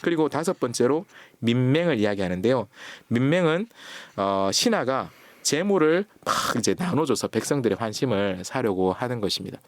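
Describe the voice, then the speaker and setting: A man talks as an author guest in a studio interview, his voice sitting in a middle register. The sound is dry and close, with no room in it. He explains with animated, acted-out quotes. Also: medium pitch, normal speed, dry recording. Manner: acts out quoted lines in lively voices while explaining. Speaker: author guest on a radio talk show. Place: radio studio. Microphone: studio microphone.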